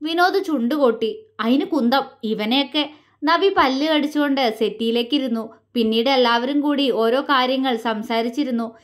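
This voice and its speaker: A woman storyteller reading a romantic audio story in a steady, expressive way. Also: high voice, normal speed. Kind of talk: scripted romantic story narration.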